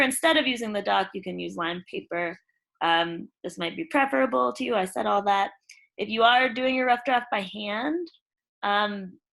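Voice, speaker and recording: An elementary teacher whose mid-range voice carries vocal fry and a bit of brightness takes her pupils through a screen-shared tutorial step by step, speaking informally and calling them "you guys."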